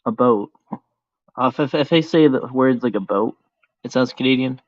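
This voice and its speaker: A man's voice: mid-range voice, fairly even intonation, fast talker, dry recording. An American man hosting a voice chat, talking in a laid-back, hesitant way. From United States. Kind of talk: casual chat. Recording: dull lo-fi sound.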